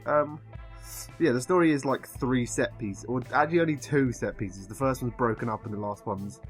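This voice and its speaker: A man with an English accent giving a casual film review, rambling and halting as if he has been drinking. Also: medium pitch, soft background music. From England.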